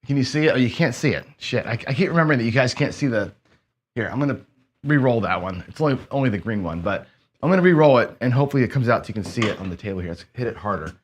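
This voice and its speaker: Playing craps on a casual stream, a casino host keeps up a chatty running commentary to viewers and himself, often stumbling and restarting. He speaks at medium pitch, animated and very fast, with a little hiss or hum in the recording.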